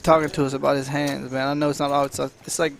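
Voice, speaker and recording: A man's voice: medium pitch, level tone, fast talker, gravelly, slight background noise. A man commentating on a live poker game, chatty and calling players brother and man.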